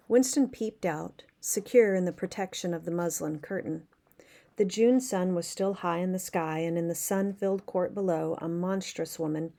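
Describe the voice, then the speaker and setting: A woman reading a novel aloud, pausing now and then to explain words and events in plain terms. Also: fairly low pitch, warm tone. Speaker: audiobook reader.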